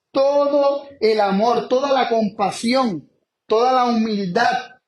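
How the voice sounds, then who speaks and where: This high-pitched man has a somewhat dark tone as he preaches a Bible study sermon emphatically. He repeats important phrases, alternating between slow, weighted words and fast side remarks, and slight background noise can be heard.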